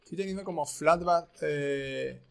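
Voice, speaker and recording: A man commentating a video game, excitable and repeating his phrases. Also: fairly high pitch, unhurried, gravelly. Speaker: streamer. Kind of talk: gaming commentary.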